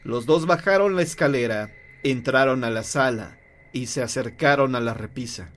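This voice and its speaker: A man narrating a horror tale in a measured, grave storytelling voice. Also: mid-range voice, a bit bright.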